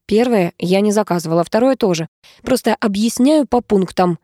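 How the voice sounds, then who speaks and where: Woman doing a sarcastic lady, dry and matter-of-fact, mellow voice. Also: mid-range voice, normal speed, no room sound, close to an everyday voice.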